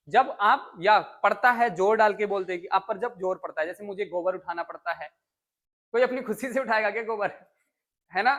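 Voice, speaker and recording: A woman's voice: fairly high pitch, a bit bright. A woman teaching an English grammar lesson to children in a school classroom. She quizzes the pupils and repeats example sentences.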